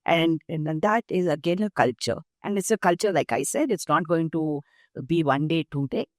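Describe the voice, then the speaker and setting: An older woman with an Indian accent, interviewed as a guest. Her voice sits on the low side, and the recording is close and dry. She speaks in a measured, emphatic manner. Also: no echo. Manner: measured, emphatic, explains through lists of examples. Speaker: guest, nonprofit founder. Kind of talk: interview conversation.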